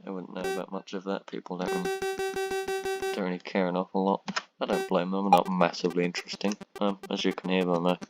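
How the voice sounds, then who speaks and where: A man with a monotone voice giving rambling, self-deprecating commentary on his own gameplay, full of ums. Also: sits low, brisk, over loud music, poor audio. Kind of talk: casual let's-play commentary. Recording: loud background noise and keyboard clicks.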